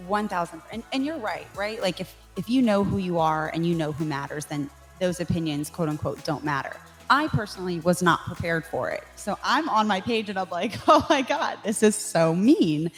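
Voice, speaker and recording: A woman's voice: lowish voice, a little fast, hardly any pauses, soft background music. A woman in her thirties, a life coach, talking candidly and with self-mocking humor in a podcast interview, laughing often. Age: 30s.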